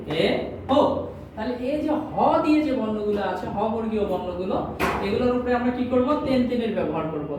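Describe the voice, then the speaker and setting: A woman with a Bangladeshi Bengali accent teaching a language class, drilling sounds over and over and answering her own questions. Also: on the high side. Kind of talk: classroom lesson. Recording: very echoey room, voice from far off, faint noise.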